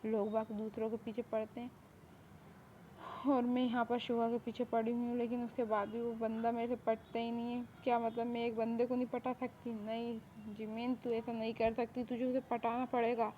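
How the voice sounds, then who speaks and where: A woman's voice: a little high, little pitch movement, moderate pace, close to an everyday voice. A woman voicing a mafia boss's spoiled, lovesick younger sister who talks in a demanding, boastful way, in a fan audio drama. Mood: scheming. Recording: tinny phone-like recording, faint hiss.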